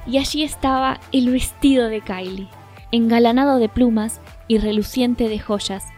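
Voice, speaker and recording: A woman narrating a children's story in a gentle, measured way. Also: a little high, soft background music.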